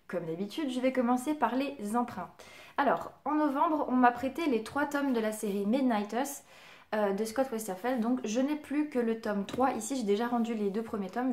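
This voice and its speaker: A woman's voice: on the high side, a little mellow. A woman casually chatting through a book haul, enthusiastic and full of hesitations and little fillers. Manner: enthusiastic, giggly. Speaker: book vlogger.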